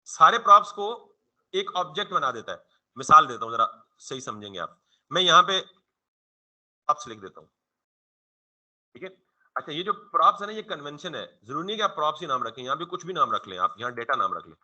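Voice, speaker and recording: Male coding instructor, somewhat high and very bright, quizzes students as he talks. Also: sing-song, brisk, pauses often, lo-fi sound. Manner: keeps quizzing the listener with rhetorical questions and answering them; informal, conversational classroom explaining. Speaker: programming instructor. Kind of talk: coding tutorial lecture.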